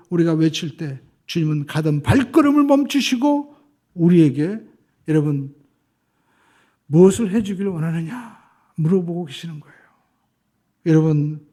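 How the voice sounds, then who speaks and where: A male senior pastor preaching a sermon, swinging his pitch and loudness for emphasis and acting out the voices of the crowd.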